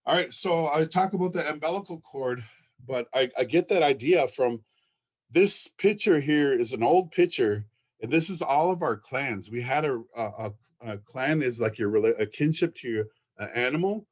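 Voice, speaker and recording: A man presenting his school at a conference, earnest and excited, often repeating words as he talks through his slides. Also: mid-range voice, moderate pace. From Ojibwe, from Minnesota.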